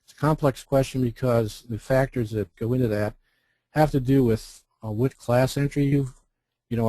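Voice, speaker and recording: An American man representing a contest gives a casual instructional presentation, posing questions and then answering them himself. His medium-pitched voice is mellow, and the audio has no echo.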